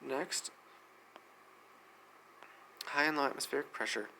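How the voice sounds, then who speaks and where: A man hosting a weather news segment, reading articles aloud quickly with frequent slips and restarts. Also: medium pitch, vocal fry, pushed and bright, a little hiss or hum, rough recording.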